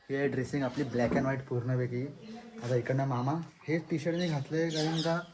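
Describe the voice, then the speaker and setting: A man's voice: mid-range voice, noisy background. A young man casually vlogging from his village home, chatting and mixing in English words. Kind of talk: casual vlog chat. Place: village house.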